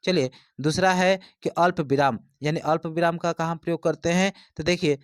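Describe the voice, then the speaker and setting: A man's voice: fairly high pitch, steady tone, normal speed, dry recording, clean studio sound. A man teaching an exam-prep lesson, explaining step by step and repeating his points.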